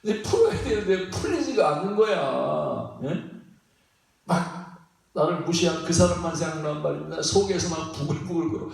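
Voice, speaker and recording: A man preaching in a church sanctuary, his fairly high voice swinging up and down with every phrase. He talks in a folksy, repetitive way, chuckles between lines and keeps prodding the congregation for a reply. The sound comes from a distance, with heavy echo off the hall. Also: animated, normal speed, gravelly, a little mellow. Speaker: pastor. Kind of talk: sermon. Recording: very echoey hall, mic at a distance.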